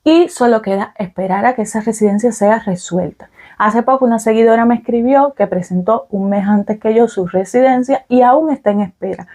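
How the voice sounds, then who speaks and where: A young adult woman from Cuba talks casually to camera in a vlog, her Cuban Spanish accent coming through as she explains things with fillers and "ok?" check-ins. Her voice is a little high and warm, at normal speed.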